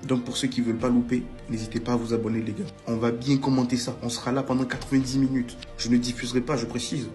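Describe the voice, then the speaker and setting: A man chatting calmly and wryly to viewers on match day, asking them questions. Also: mid-range voice, fast, few pauses, soft background music. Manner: calm, wry, asks viewers questions. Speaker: football content creator. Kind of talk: casual match-day chat.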